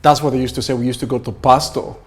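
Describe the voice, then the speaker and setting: Chatty host with an Ecuadorian accent. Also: male voice, medium pitch, flat delivery, fast. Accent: Ecuadorian Spanish. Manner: chatty, digressive, jokey. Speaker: talk show host. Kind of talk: casual interview chat.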